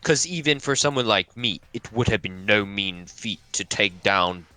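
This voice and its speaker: A man's voice: lowish voice, animated, moderate pace, pushed and bright, soft background music. Monokuma, a man voicing a smug teasing bear. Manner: smug and teasing, ends lines with "bro". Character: mischievous male bear headmaster, smug and teasing. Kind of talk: fan voice reading.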